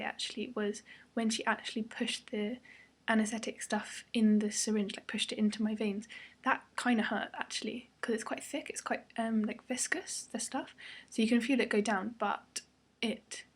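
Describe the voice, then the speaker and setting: A young British woman, tired a day after surgery, gives a casual vlog update. Her voice is breathy and a little husky, staying fairly flat in pitch. She rambles loosely and often lets phrases trail softer. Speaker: vlogger.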